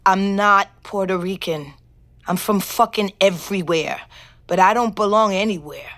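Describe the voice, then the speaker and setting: An actress voices a weary, foul-mouthed, wary middle-aged ex-convict, a rootless New Yorker, in confessional fiction podcast narration and dialogue. She tells her story in a halting, blunt, profane, conversational way, sounding bitter and rueful. Her mid-range, fairly bright voice is close to everyday speech, with no echo.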